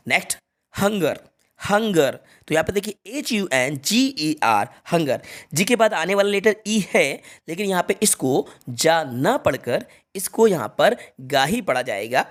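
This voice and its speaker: An English teacher giving a spelling lesson in Hindi, spelling words out letter by letter and then repeating them, with frequent direct reminders to the students. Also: mid-range voice.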